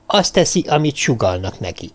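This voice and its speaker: A man's voice: medium pitch, sing-song, a bit bright, pitched above the performer's own voice. A man voicing a resolute, decisive Englishman in an audiobook, speaking firmly. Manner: firm, decisive.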